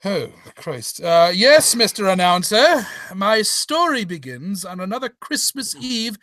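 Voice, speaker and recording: A man's voice: high-pitched, very animated, unhurried, pushed and bright, no echo, heavily acted. A man playing a fussy old doctor in a hammed-up radio play, stammering and rambling as he goes. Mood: befuddled, reminiscing. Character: doddering, fussy old English doctor Watson reminiscing. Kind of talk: hammed-up old-time radio acting with comic ad-libs.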